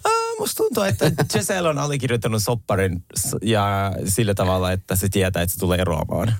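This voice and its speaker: A man's voice: fairly low pitch, dry recording, clean studio sound. A man co-hosting a podcast in casual chat, gossipy and chatty, with lots of fillers. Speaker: podcast co-host.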